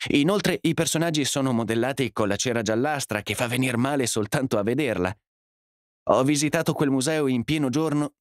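An anxious young man pleads and warns in a story reading, as a male narrator puts him on. The voice rides noticeably higher than the reader's own, with a lively, earnest lilt. The sound is close and dry. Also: no echo, natural voice. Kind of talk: audiobook character voice.

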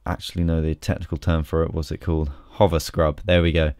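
A man with a low, deep voice talks through a screen-recorded software tutorial in a loose, chatty way, dropping in ums as he goes. His voice is smooth and clear, recorded close and dry with no room sound. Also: fast, no echo. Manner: relaxed, chatty, with frequent ums.

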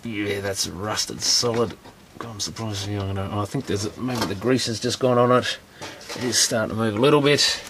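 Male repair host, low voice, unhurried, musing workshop commentary. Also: noisy background. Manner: thinking aloud, hedging guesses. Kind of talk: casual teardown commentary. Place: workshop bench, indoors.

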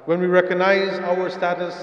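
A man in his thirties giving a Friday sermon at a stand mic in a mosque, in a measured, repetitive devotional cadence. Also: sits high, monotone, muffled recording. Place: mosque prayer hall, indoors. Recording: echoey hall reverb.

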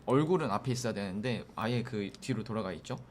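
A man's voice: on the low side, expressive, fast talker, a little hiss or hum. A man working as a paranormal investigator, questioning and explaining casually in polite, hesitant phrasing.

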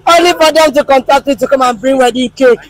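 A woman's voice: sits high, quick pace, lightly acted, rough recording. A woman playing a wailing jilted lover. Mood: grieving. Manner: pleading, wailing. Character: jilted woman who funded her lover abroad. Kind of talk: Nigerian skit drama. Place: outdoor compound.

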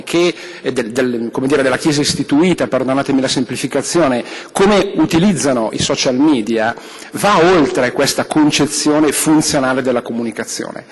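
A man in his thirties gives a thoughtful conference address into a desk microphone, pausing often and restarting his phrases. His voice sits at an ordinary pitch and carries a long reverb from the large hall. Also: husky. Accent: Italian. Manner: thoughtful, hesitant with many fillers and restarts. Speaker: diocesan communications director.

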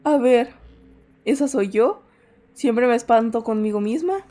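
A woman's voice: a little high, a little slow, mellow. A young woman commenting on a horror game, full of jittery, scared exclamations and chatty asides. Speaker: gaming streamer.

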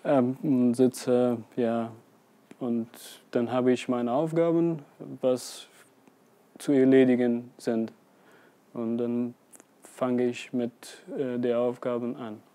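Young trainee from Afghanistan, very dark warm tone, hesitant, careful delivery, small office, desk camera mic. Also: male voice, medium pitch, little pitch movement, takes it slowly. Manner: plain, careful speech with many hesitations. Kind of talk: scripted interview to camera. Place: small office with desks and computers.

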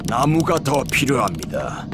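A man's voice: medium pitch, big pitch swings, unhurried, heavy background noise. A man voicing an undead army's announcer in a video game, giving terse, ominous alerts. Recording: loud music over game audio.

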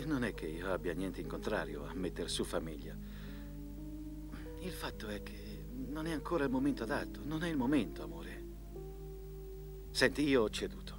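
A man's voice: lowish voice, lightly acted. An actor playing a loving but reluctant husband in his thirties in a dubbed film drama.

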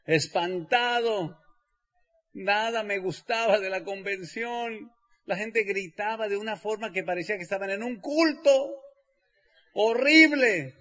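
A man with a Mexican accent telling a personal story to an audience in an animated way, acting out the people he quotes with comic emphasis. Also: high-pitched, a little slow. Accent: Mexican Spanish. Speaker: speaker.

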